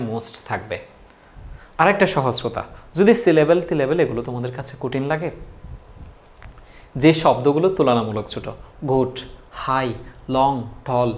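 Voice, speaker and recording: A male English teacher with a mid-range, slightly mellow voice gives a casual grammar lesson. He repeats key points and keeps drilling his students with questions.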